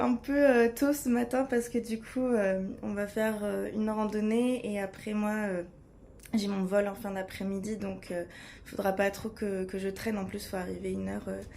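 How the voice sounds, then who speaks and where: A woman travel vlogger chats casually to camera at medium pitch with a darkish tone, hesitating and searching for words. Background ambient noise is clearly audible.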